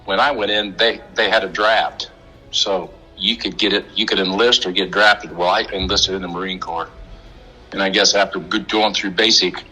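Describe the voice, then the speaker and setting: A man with a husky voice speaks earnestly about serving, in loose phrasing. His voice is very deep yet sharp, with little melody. Faint music plays underneath. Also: poor audio. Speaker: veteran. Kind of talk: interview recollection.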